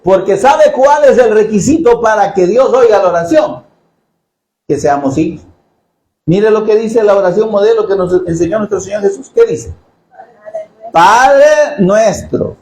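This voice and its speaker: A man preaching a sermon in a church, jokey and animated, often asking the congregation questions. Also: sits high, moderate pace, reverberant, poor audio.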